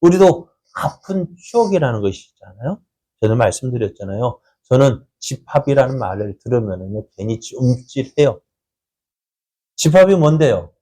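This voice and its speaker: Brief: male pastor, mid-pitched, preaching in church, full of rhetorical questions. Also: very animated, moderate pace, warm tone, husky. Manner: many rhetorical questions to the congregation. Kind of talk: sermon.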